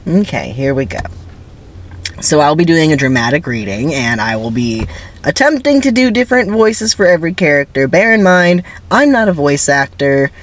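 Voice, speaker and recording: A channel host leads a dramatic script reading, commenting in a chatty, self-deprecating way and dropping emphatic asides. His voice is on the high side and fairly bright, very animated, at normal speed.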